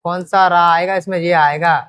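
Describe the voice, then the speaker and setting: A woman's voice: fairly low pitch, fairly even intonation, normal speed, a bit bright, smooth. A woman teaching a grammar exam-prep lesson, addressing students fondly and drawing out repeated words as she works through each question.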